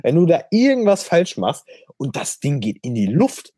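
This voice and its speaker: A man's voice: on the high side, wildly swooping pitch, normal speed, mellow, breathy edge, no echo, clean studio sound. A man co-hosting a casual podcast, talking bluntly and coarsely as he riffs on ideas. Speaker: podcast co-host.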